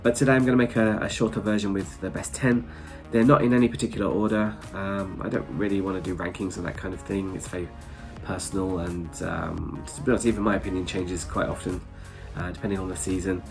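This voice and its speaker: Congested with hay fever, this travel vlogger talks casually and somewhat ramblingly to camera, letting out small chuckles for his viewers. He speaks fast and steadily in a low-sitting voice, barely pausing. Music runs underneath.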